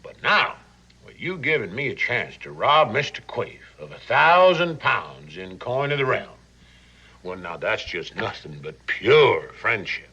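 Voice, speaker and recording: An actor playing a wily, boisterous river pirate captain in a western, with a folksy slow Southern American drawl and theatrical delivery. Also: male voice, on the low side, big pitch swings, pushed and bright, husky, highs cut off, full character voice. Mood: fond, coaxing. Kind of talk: scripted western screen acting.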